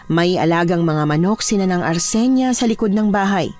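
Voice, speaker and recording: A woman narrating a horror story in the first person, in a measured, hushed way. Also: fairly low pitch, soft background music.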